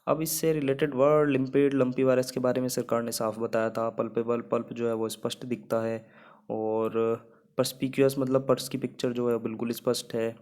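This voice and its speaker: A man's voice: medium pitch, level tone, normal speed, darkish tone. Young man teaching vocabulary, patient tone. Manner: patient, explains word by word with memory tricks. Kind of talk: explaining English words in Hindi.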